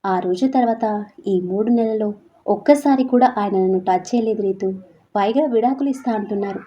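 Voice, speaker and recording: A woman voicing a young wife who is hurt but stands firm, speaking softly and with resolve. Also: medium pitch, normal speed, close to an everyday voice. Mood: sad. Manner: soft, tearful, turning resolute. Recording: slightly dull lo-fi audio.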